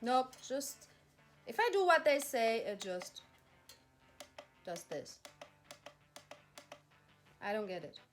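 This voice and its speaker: Exasperated woman, lively pitch. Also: slow pace, pauses often, faint music behind. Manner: exasperated, ranting, repeating herself. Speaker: vlogger. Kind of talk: frustrated vlog monologue reading instructions aloud.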